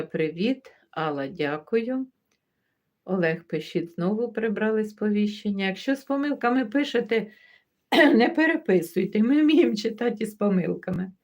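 Woman livestream host, casual chatty comment-reading, middle pitch, muffled stream audio. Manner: chatty, warmly greets viewers by name one after another; easygoing, laughs as she talks. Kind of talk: casual chat, reading viewer comments aloud.

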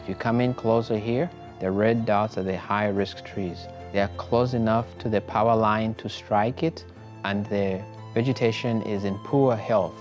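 Man from Rwanda, deep low voice, calm explanatory interview, music bed. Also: moderate pace, lo-fi sound. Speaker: tech company founder. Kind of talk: documentary interview.

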